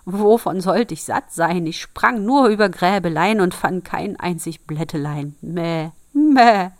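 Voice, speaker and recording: Woman doing a spiteful storybook goat, high bleat, loud and piercing, dry close sound. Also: lively intonation, measured pace, no room sound. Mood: indignant whining. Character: lying, spiteful nanny goat bleating meh.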